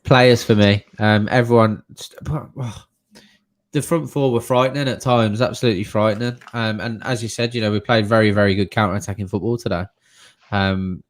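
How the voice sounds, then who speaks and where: A hesitant man chatting about football, thanking viewers with lots of ums. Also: on the low side. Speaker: co-host. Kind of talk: casual football chat.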